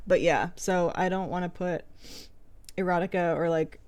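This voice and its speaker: A woman's voice: lowish voice, fairly even intonation, a little slow, darkish tone. Chatty woman co-hosting a casual podcast. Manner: chatty, laughs often, trails off mid-sentence. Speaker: podcast co-host. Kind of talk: casual chat.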